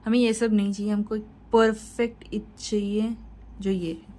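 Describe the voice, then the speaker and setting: A woman's voice: mid-range voice, little pitch movement, normal speed, warm tone, rough recording. A woman teaching a shorthand lesson, explaining each point patiently and repeating key points to reassure her students. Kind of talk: tutorial lesson.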